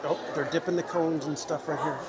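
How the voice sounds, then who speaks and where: Higher-voiced man streaming amid a loud crowd. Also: fairly even intonation, brisk, very noisy. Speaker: live stream host. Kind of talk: casual live vlog chat. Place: busy theme park, ice cream shop. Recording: loud crowd of a public space.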